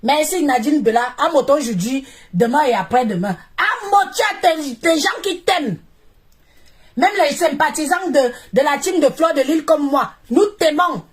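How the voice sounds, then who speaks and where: A woman's voice: high voice, animated, moderate pace. A woman from Cameroon hosting a live stream, chanting praise in repetitive, exclamatory bursts. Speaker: social media live streamer. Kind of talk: live stream hype and commentary.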